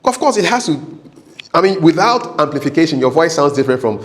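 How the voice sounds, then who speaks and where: A man with a slightly high voice talks fairly quickly, his pitch swinging widely. Acting as a public speaking coach at a live training session, he's conversational and instructive, emphatically repeating key points and often checking in with a short "okay?"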